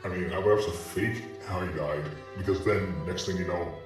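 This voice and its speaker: A man's voice: fairly quick, recorded from a distance, music in the background. A man through a clangy robot voice changer. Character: weary male henchman reporting to his boss. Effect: voice changer, deep echoing robotic voice.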